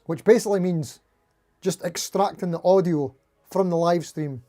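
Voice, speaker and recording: A man's voice: sits high, moderate pace, mellow. A man hosting a casual live stream, rambling in a jittery, over-caffeinated, self-deprecating way as he chats to viewers. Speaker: live stream host, guitar player.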